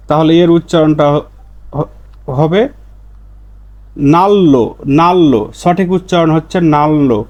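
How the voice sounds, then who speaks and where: A man teaching a language lesson, patiently repeating words slowly for learners. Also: a little high, dark tone.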